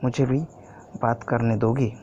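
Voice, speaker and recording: A man's voice: medium pitch, little pitch movement, unhurried, a little mellow, lightly acted. Fields: Figure: stern domineering father, read by a man. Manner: curt. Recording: dull lo-fi. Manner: curt, commanding. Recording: dull lo-fi recording, faint hiss.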